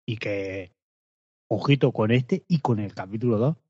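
A man from Spain with a Spanish accent, co-hosting a podcast in excitable casual chat, swearing and laughing often. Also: lowish voice, measured pace, slightly rough, no room sound, dull audio. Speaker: podcast co-host.

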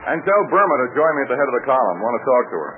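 An actor playing a wisecracking American adventurer and leader in a 1940s radio serial, slangy and breezy, with an American accent. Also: male voice, mid-range voice, big pitch swings, very fast, natural voice. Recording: tinny, noisy 1940s radio recording.

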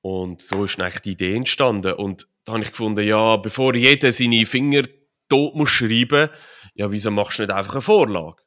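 This Swiss man has a low, fairly bright voice and a brisk pace, speaking with a Swiss German accent. He's a chatty podcast guest, an author and crypto consultant, rambling through a casual interview with lots of fillers and tag questions.

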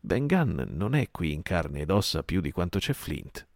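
A man's voice: deep voice, sing-song, measured pace, no echo, studio quality, heavily acted. A man voicing a fearful young pirate in a storybook reading, uneasy and reasoning.

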